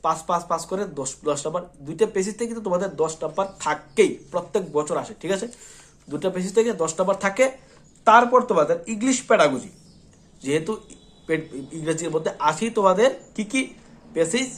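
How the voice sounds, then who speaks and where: A man teaching an exam-prep lesson, repeating points and often checking in with his students. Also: sits high. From Tripura, India. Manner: repetitive, reassuring, checks in often with "thik ache".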